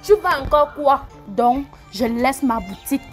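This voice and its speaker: A stubborn, furious hairdresser. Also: female voice, high voice, animated, a little slow, faint music behind. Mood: angry. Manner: insistent, repetitive, loud demands. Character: hairdresser woman angrily demanding her pay. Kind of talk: film drama acting.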